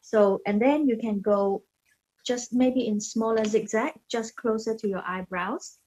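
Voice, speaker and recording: A woman from Hong Kong, a facialist and beauty brand founder, casually explains and demonstrates her products, hesitating and repeating herself as she searches for the right words. Her voice is fairly high, steady, measured in pace, and a little mellow, on a low-quality recording.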